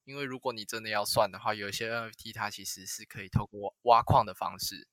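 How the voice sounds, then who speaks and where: Man, Taiwanese accent, bright forceful tone, low pitch, casual podcast talk. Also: steady tone, fast, no room sound. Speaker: podcast host. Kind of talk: casual chat.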